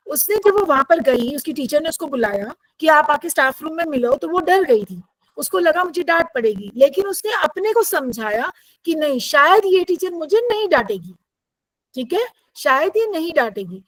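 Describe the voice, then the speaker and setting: A woman teacher, reading English lines slowly and explaining them in Hindi with questions to her students. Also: sits high, very animated, no room sound, poor audio. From India.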